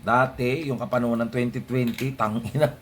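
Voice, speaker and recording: A man's voice: mid-range voice, steady tone, fairly quick, noisy background. A young man ranting casually to his viewers in a blunt, sardonic way, swearing often and muttering asides under his breath. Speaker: vlogger.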